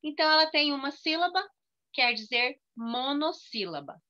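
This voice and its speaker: A woman teaching young children over a video call, her voice bright and sharp with a lively, swooping melody. She speaks slowly and patiently, drawing out each word syllable by syllable. The sound is dull and lo-fi. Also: sits high. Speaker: primary school teacher. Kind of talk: online class for young children.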